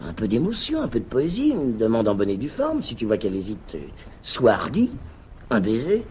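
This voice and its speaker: Man doing confident worldly teacher, knowing, coaxing, animated pitch, radio reading. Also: brisk, a little hiss or hum. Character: worldly, self-assured male teacher friend. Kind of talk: live radio reading of a play.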